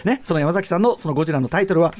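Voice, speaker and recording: Rapid-fire animated man hosting radio. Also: fairly high pitch. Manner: fast and animated, reads listener mail aloud. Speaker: radio host. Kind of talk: casual radio talk. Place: radio studio. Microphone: studio microphone.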